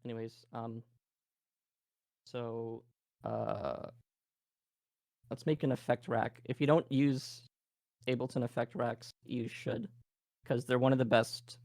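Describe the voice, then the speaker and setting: A man with a Canadian accent giving a relaxed live workshop demo, thinking aloud with many fillers. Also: medium pitch, gravelly, no echo. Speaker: game audio presenter.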